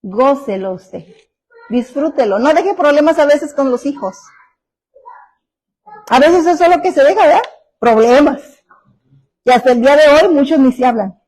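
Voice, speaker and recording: A woman's voice: high-pitched, animated, normal speed, long pauses, a little mellow, rough recording. A woman pastor preaching a sermon, emphatic, full of rhetorical questions to the congregation.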